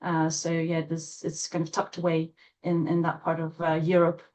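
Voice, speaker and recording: A woman from Latvia, a guest in an interview, speaking in a thoughtful, hesitant way with many fillers and soft laughs. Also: deep voice, completely flat delivery, moderate pace. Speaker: interview guest, trauma-informed coach. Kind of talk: casual interview chat.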